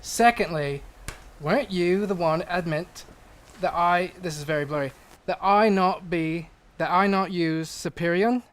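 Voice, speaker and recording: Haughty male robot warrior, read flat by a man, halting delivery. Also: sits high. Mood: scornful. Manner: halting, stumbling reading from a blurry sheet.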